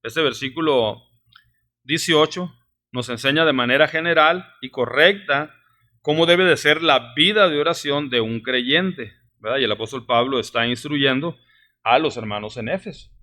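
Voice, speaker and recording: A man preaching a sermon, emphatic, his voice rising sharply on key words and dropping low on asides, often adding "¿verdad?" and "hermanos". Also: normal speed, pushed and bright. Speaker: pastor. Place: church sanctuary.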